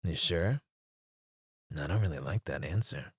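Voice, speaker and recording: A man performs a threatening mercenary interrogator in an ASMR roleplay, keeping close to the mic with a low, goading delivery that sometimes drops to a whisper. The character voice is complete, animated, husky, and a little slow, captured in a dry recording.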